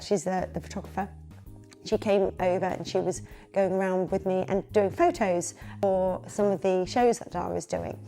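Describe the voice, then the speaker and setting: A woman with a London accent talks through practical tips in a candid, chatty way, like a casual advice vlog. Her voice is warm and mellow, and her pitch sits in a middle range. Faint music plays quietly behind her. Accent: London English. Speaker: children's party entertainer.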